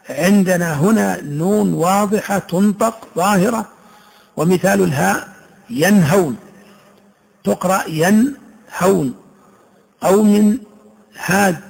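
A man teaching Quran recitation rules, explaining slowly and reciting each example word in a drawn-out way. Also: sits high, vocal fry, low-quality recording.

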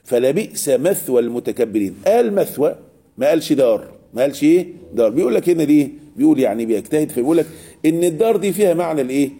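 A man's voice: a little high, expressive, very fast, vocal fry, warm tone, breathy edge. A man with an Egyptian Arabic accent teaching a lesson on Quranic verses, often asking the class a question and answering it himself. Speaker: religious teacher.

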